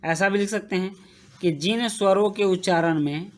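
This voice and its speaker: A woman teaching a grammar lesson, slowly repeating each term as she writes and checking in with her students. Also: medium pitch, darkish tone. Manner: slow, repeats terms while writing, checks in with "ठीक".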